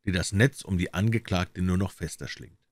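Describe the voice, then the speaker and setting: A man voicing a seasoned defense lawyer in a read-aloud crime story, kindly and measured as he explains. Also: deep voice, no echo. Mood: explaining. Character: seasoned older male defense lawyer, calm.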